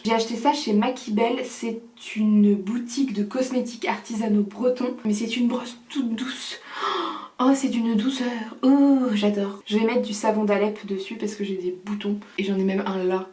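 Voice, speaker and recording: A young woman vlogging casually at home, chatting and joking through her evening skincare routine. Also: on the high side. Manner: chatty, joking, breaks into snatches of song. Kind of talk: casual vlog chat. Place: home bathroom. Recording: echoey bathroom.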